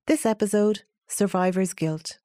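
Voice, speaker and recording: A woman hosting a podcast, reading a measured scripted introduction. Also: medium pitch, dark tone, dry recording, clean studio sound. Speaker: podcast host. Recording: voice-over on music bed. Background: music.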